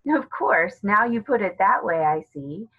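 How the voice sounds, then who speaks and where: A woman's voice: medium pitch, animated, a little slow, slightly rough, narrow, tinny audio. A woman voicing a hearty, old-fashioned eldest schoolboy with an eager streak in a storybook reading. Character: decent, bossy eldest schoolboy brother, eager adventurer.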